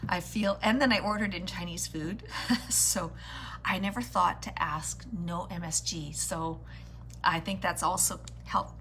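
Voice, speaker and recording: A woman's voice: lowish voice, fairly even intonation, unhurried, a bit bright, a little hiss or hum. A woman hosting a live beauty vlog, talking casually and directly to her viewers as she does her makeup. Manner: chatty, addressing viewers directly with greetings and endearments. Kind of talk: casual livestream chat while doing makeup.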